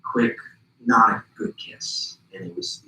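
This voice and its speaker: A man's voice: slow pace, echoey room, distant mic, low-quality recording. A man being interviewed, casually recounting a memory and acting out what people said. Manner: animated, acts out what people said.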